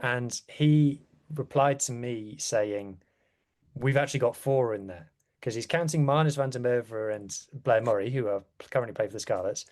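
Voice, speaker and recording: Chatty man, wry, medium pitch. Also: normal speed, a little mellow. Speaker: rugby podcast guest. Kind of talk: casual chat.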